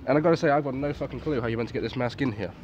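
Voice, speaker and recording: A man's voice: mid-range voice, very fast, dull audio. A man giving a casual, unscripted review, with understated delivery, swearing and muttered asides. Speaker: military surplus gas mask reviewer. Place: outdoors in a garden at night. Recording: clearly noisy outdoor recording.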